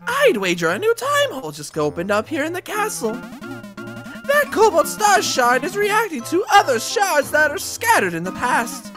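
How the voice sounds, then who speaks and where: A man voicing an excitable elderly professor scientist in a high, wavering falsetto, with theatrical exclamations, over game music. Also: unhurried, heavily acted. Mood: earnest. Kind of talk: let's play voice acting.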